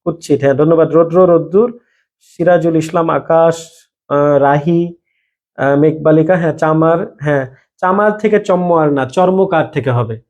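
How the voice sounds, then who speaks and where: A man's voice: high voice, a little mellow. A man teaches a live online grammar class. He repeats each point and thanks students by name as he goes. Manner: repetitive, checks in with students by name.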